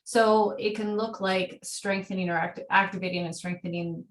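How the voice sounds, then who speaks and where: Woman, host, chatty, lively, mid-pitched voice, video call, echoey room. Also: moderate pace, a little hiss or hum. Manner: chatty, lively, laughs easily. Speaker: host of a fitness program. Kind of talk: hosting an online interview.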